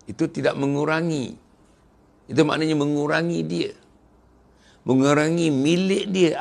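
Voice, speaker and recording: A man with a Malaysian Malay accent giving a religious lecture, speaking in an animated, rhetorical way. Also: fairly high pitch, vocal fry. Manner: animated, rhetorical, acts out angry people in whispers. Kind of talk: sermon lecture.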